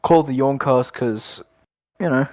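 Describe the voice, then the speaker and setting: A man's voice: medium pitch, a little slow, dry recording. A young Australian man co-hosting a casual late-night podcast, rambling and joking with frequent laughs. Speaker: podcast co-host.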